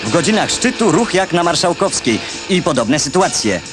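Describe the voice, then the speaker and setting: A man's voice: a little high, sing-song, normal speed. A man narrating an old newsreel in a scripted, wry and ironic way, with music behind him. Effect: old newsreel recording.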